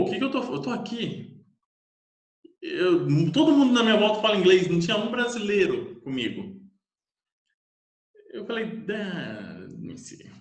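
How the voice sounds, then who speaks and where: A young Brazilian man tells a personal story with animated, self-mocking energy. His voice sits a little high for a man. The room around him is echoey. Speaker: English teacher.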